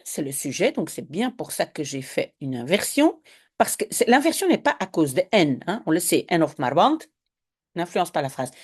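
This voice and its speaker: A woman's voice: on the low side, darkish tone, breathy edge. A woman with a Belgian French accent, a language teacher patiently explaining a Dutch reading step by step to French speakers.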